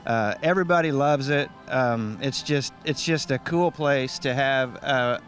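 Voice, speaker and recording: Easygoing folksy guy, event organizer being interviewed, just chatting, medium pitch. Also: unhurried, fairly bright tone, soft background music. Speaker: guest, event organizer and master of ceremonies. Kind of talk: casual interview chat.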